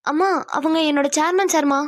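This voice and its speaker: A woman's voice: high voice, steady tone, fairly quick, close to an everyday voice. Woman voicing an inquisitive young cartoon daughter. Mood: puzzled. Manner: persistent questioning. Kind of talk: cartoon voice acting.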